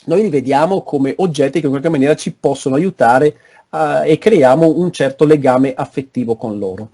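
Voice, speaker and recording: A man giving an online academic lecture over a video call, pausing often to search for words. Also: a little high, warm tone. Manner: halting, frequent searching for words.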